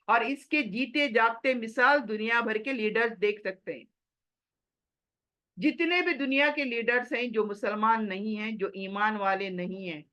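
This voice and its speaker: Earnest, bright-voiced woman teaching religion. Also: a little high. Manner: earnest, exhorting, mixes English phrases. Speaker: Quran teacher. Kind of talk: religious lesson.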